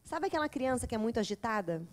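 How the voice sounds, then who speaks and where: High-voiced woman teaching a class. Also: fast talker. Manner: lively, acts out children and mothers. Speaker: teacher of a psychology course. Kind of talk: lecture to a class.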